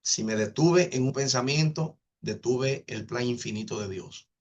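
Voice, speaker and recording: A man's voice: medium pitch, measured pace. Earnest man teaching, lo-fi sound. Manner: earnest, repeats words while thinking. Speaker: teacher of an online spiritual class. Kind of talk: casual teaching, answering comments.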